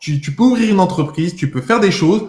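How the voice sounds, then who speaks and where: A middle-aged Frenchman from France hosts a heated TikTok live-stream debate, grilling his guest with emphatic, insistent questions. His voice sits high, with a darkish tone, and he talks in an animated, brisk way. The sound is roomy.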